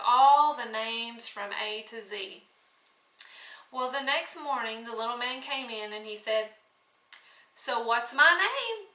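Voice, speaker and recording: Slow, bright-voiced woman telling a fairy tale. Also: a little high. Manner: folksy, with frequent fillers and restarts. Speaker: storyteller. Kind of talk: casual fairy-tale storytelling. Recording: echoey room, mic at a distance.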